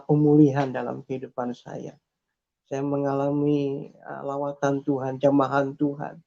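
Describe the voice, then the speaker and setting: A man telling his personal faith testimony in an earnest way, repeating phrases and pausing with fillers. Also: mid-range voice, vocal fry, mellow. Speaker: testimony speaker. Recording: dull lo-fi recording.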